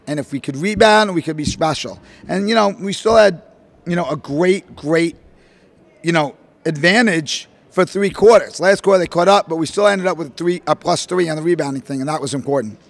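A middle-aged head basketball coach with a fairly high voice and some vocal fry speaks at normal speed into a podium microphone at a postgame press conference, in a press room before a logo backdrop. He answers in animated, rambling bursts, circling back through points with fillers and restarts.

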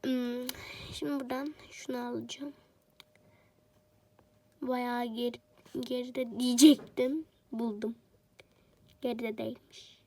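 A woman's voice: fairly high pitch, level tone, slow, long pauses, a little mellow. A woman chatting casually while she plays a home-building game. She rambles and jokes to herself, and she is a bit sick. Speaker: game streamer. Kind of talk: casual gameplay commentary.

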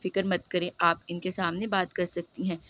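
A woman voicing a young male college student who speaks calmly and firmly, in a dull lo-fi recording. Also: fairly low pitch. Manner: calm, firm, reassuring then threatening.

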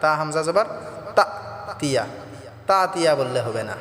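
A man's voice: on the high side, expressive, brisk, fairly bright tone, reverberant, long reverb tail. A man teaching Quran pronunciation, patiently explaining each sound step by step.

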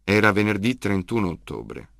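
Brief: male audiobook narrator, very low and gritty, close and dry, measured delivery. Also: sing-song, creaky, a bit bright, no room sound. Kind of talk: scripted narration.

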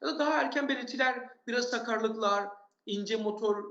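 High-voiced man, echoey, dull remote audio. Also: a little fast, pushed and bright. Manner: earnest, explains with listed examples, repeats for emphasis. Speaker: expert guest on parenting and learning. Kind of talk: explanatory interview answers.

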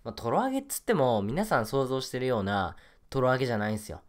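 A man's voice: mid-range voice, big pitch swings, quick pace. A young man chatting casually while playing a mobile game, muttering and repeating little phrases to himself. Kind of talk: casual rambling gameplay chat.

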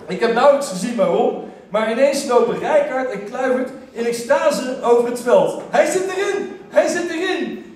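A man telling a humorous story to a live theater audience, lively and breaking into shouted exclamations. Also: very high voice. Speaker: stage storyteller. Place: theater stage. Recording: echoey theater from far off.

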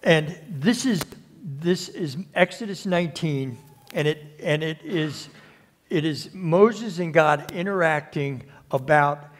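A man preaching a conversational sermon at a church service, unhurried and often restarting or repeating his words. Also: a little high, lively intonation. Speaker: pastor.

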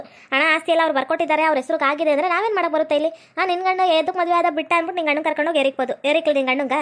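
A woman with a North Karnataka Kannada accent playing a stern police officer who scolds and threatens in a rapid way. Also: very high voice.

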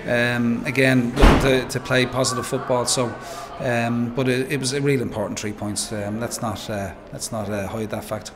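A man in his forties with an Irish accent, a football manager giving a measured post-match interview, full of "um" and "you know". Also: mid-range voice, fairly even intonation, background noise. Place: pitchside interview backdrop, noisy. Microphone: handheld interviewer mic.

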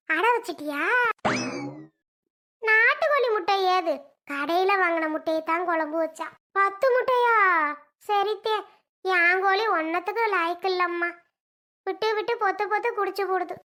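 A woman doing a shrill gossipy old granny. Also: sharp tone. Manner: gossipy, rambling. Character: chatty hard-of-hearing old village woman. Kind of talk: comedy skit acting.

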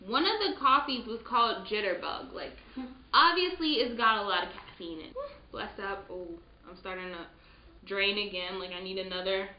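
Chatty young woman in a roomy space. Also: a little high. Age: young adult. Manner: chatty storytelling, heavy use of "like". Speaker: vlogger. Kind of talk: casual chat. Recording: roomy, dull lo-fi sound with faint noise.

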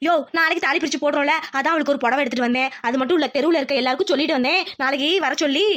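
A woman voicing a bossy, scheming village mother-in-law in a cartoon, talking quickly and insistently. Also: high-pitched, fairly bright tone. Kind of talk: cartoon voice acting.

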